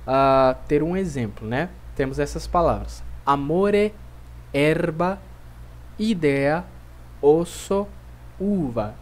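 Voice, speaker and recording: A man with a Brazilian Portuguese accent teaching a pronunciation lesson, speaking clearly and repeating each word slowly for drilling. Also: on the high side, a little mellow. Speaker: language teacher.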